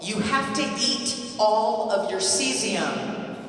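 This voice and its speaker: Wry poet with a lively, swooping voice. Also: mid-range voice, slow. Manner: wry, delivers the poem as a mock pop quiz. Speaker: poet and high school teacher. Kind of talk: spoken word poetry. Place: large indoor hall with an audience. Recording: echoey hall, voice from far off.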